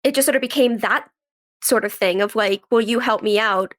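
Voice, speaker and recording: Briskly and with a slightly bright, fairly high voice, a young actress and writer talks as a podcast guest. Her storytelling is casual, with plenty of "like" and small quotes of what she said or thought.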